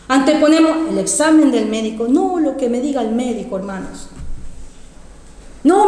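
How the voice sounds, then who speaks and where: A woman's voice: sits high, darkish tone. A woman preacher telling a personal testimony in a sermon, emotional, repeating phrases and calling out to the congregation. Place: church hall. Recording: echoey church hall. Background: congregation calling out amens.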